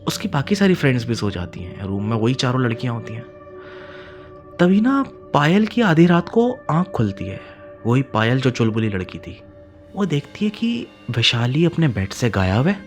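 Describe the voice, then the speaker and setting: A man narrating a horror story in a dramatic way, repeating phrases and swinging between loud emphasis and hushed lines. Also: medium pitch, big pitch swings, normal speed, soft background music.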